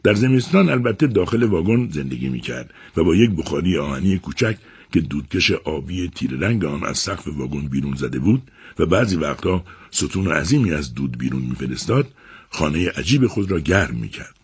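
A man narrating a serialized novel adaptation on a radio book program, with measured, expressive storytelling. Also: a bass voice, slightly rough.

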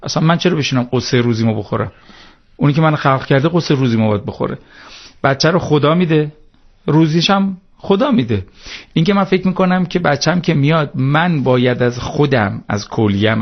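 Gravelly man arguing religious points. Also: a little high, lo-fi sound. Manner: preachy, argumentative, hesitant fillers. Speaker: guest speaking on religion. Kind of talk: studio talk-show discussion.

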